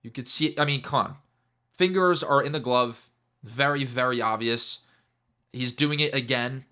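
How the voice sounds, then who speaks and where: A young man with a bright, forceful voice talks through a fight replay in an animated, mocking way. He keeps circling back to the same catchphrases as he points out each foul. His pitch sits in an ordinary middle range for a man. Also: a little slow. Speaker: MMA YouTuber. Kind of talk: casual fight breakdown commentary.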